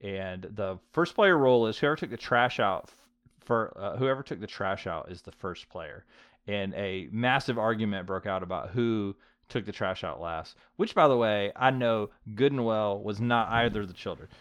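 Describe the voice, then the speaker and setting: A man's voice: on the low side, lively intonation, moderate pace, a bit bright, no echo. A middle-aged man hosting a casual board game podcast, chatty and full of fillers. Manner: chatty, lots of likes and fillers. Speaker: podcast host.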